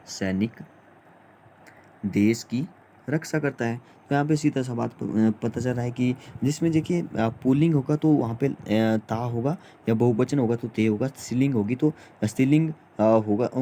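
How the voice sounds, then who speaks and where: Man teaching, dark voice, casual pace. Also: mid-range voice, slight background noise. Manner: informal, repeats phrases, many fillers. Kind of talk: classroom grammar lesson.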